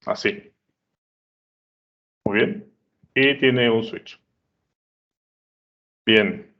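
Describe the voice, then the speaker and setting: A teacher with a lowish voice speaks very slowly, explaining a lesson at a whiteboard in dull lo-fi sound. He's conversational, frequently checking in with listeners using "¿sale?" and "¿no?"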